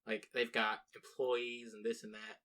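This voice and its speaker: A young American man co-hosts a casual podcast chat, rambling with restarts and plenty of swearing. His voice is on the low side and sharp in tone, with level intonation and an unhurried pace.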